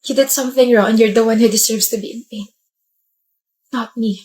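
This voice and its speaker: A woman acting in comedic skits, sharp-tongued and confrontational toward a cheater. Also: a little high, fairly even intonation, moderate pace. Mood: firm. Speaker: lead actress in skits.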